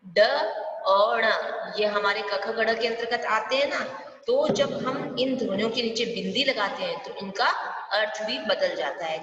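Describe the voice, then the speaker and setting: A patient woman teaches young children, asking them questions and then answering them herself. She draws words out slowly to show how each sound is said. Her fairly high voice comes from well away from the mic in a roomy space with a long echo, with dull sound and a faint hiss. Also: fairly bright tone, distant mic. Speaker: primary school Hindi teacher. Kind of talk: online class lesson.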